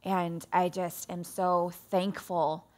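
A woman's voice: on the low side, little pitch movement, slow, darkish tone. A woman preaching heartfelt and candid in a conversational sermon with her husband. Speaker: pastor.

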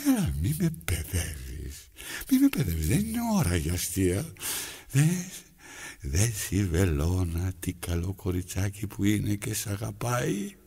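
Here the man's voice is low and very animated, a little mellow and breathy, played as a full character. He acts out a lonely, aging figure repairing his trousers who rambles to himself and his needle, switching between coaxing and scolding in theatrical monologue form.

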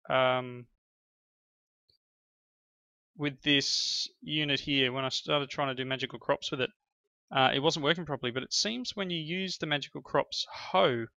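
A man's voice: medium pitch, creaky, bright, forceful tone, no room sound. A middle-aged man hosting a family game session, chatting casually through his play and praising his children along the way. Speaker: gaming channel host playing with his children. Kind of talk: casual gameplay commentary. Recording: slightly dull lo-fi sound.

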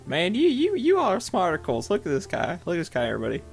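Gravelly, jokey male gamer. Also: sits high, wildly swooping pitch, quick pace, soft background music. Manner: joking, teasing banter. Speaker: co-host gamer. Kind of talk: casual gameplay chat.

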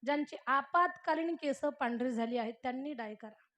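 A woman preaching a devotional kirtan sermon. She moves between brisk storytelling, rhetorical questions and homely humour, and slow, drawn-out chanting of verses. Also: high-pitched, a bit bright.

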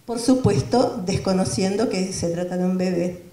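A woman giving an academic lecture in a measured, explanatory way. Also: mid-range voice, mellow. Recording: roomy hall from far off.

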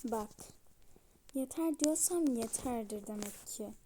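Woman doing a strict mom figure, bossy and commanding, kinda high mellow voice. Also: expressive, slow pace, slight background noise. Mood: stern. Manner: stern, commanding. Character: strict scolding mother.

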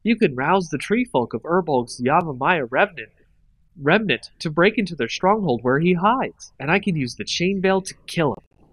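A man's voice: a little high, animated, normal speed, fairly bright tone, slightly rough, no room sound, voice pushed up. A man doing a sly, mocking sorceress. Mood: persuasive. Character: scheming, sharp-tongued female necromancer.

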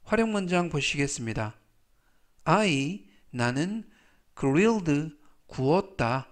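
Slow, patient male vocabulary teacher. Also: fairly high pitch. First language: Korean. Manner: repeats each English word three times slowly, patient. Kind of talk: slow, deliberate vocabulary lesson.

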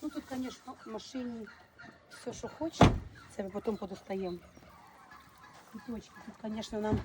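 A woman's voice: fairly high pitch, moderate pace. Chatty woman vlogging on a noisy street. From Ukraine. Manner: chatty, affectionate, addresses viewers fondly. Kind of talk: casual vlog, touring a village. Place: outdoors in a village.

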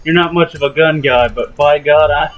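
A man's voice: a little high, normal speed, low-quality recording. A man in his mid twenties, co-hosting a casual gameplay chat in a talkative, rambling way. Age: 20s. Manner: talkative, rambling, laughs often. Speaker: gaming channel co-host.

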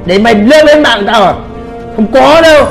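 A man's voice: very high-pitched, lively intonation, moderate pace, gravelly, faint music behind. A man giving brash live commentary on a game he is playing, swearing and trash-talking his teammates. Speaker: gaming streamer.

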